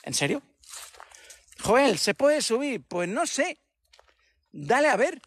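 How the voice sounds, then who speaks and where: A man hosting a casual livestream chat, talking in an animated way with rhetorical questions and mocking imitations. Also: very high-pitched, slow, dry recording. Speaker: livestream host.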